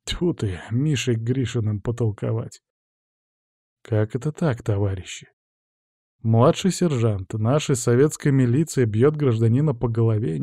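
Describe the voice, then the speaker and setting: Dark-voiced male audiobook narrator. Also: mid-range voice, dry recording, studio quality.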